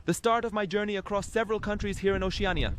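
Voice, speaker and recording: A man's voice: sits high, quick pace, fairly bright tone, a little hiss or hum. A man narrating his travel vlog in an upbeat, chatty storytelling way. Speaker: travel vlogger.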